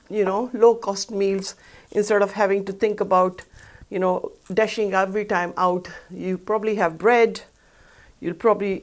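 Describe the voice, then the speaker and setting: A woman's voice: medium pitch, a little mellow. Chatty woman hosting a cooking show. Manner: chatty, upbeat, explains each step while working. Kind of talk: cooking demonstration. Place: studio kitchen set, indoors.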